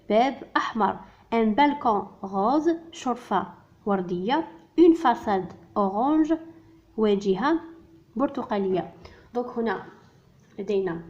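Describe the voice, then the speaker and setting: A woman teaching a primary school French workbook lesson, switching between French and Arabic and saying each French word slowly and carefully. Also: mid-range voice, darkish tone. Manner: slow, careful enunciation of French words. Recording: dull lo-fi recording.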